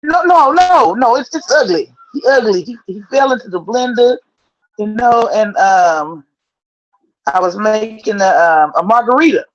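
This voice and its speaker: A woman's voice: mid-range voice, moderate pace, no echo, muffled recording, close to an everyday voice. A woman reading a flustered fake-grieving figure in an amateur script read, with stammering, broken English.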